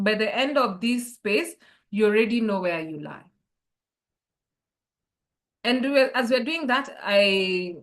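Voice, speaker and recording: A woman with a mid-range, fairly bright voice runs an online life-coaching workshop over a video call, prompting her listeners with reflective questions.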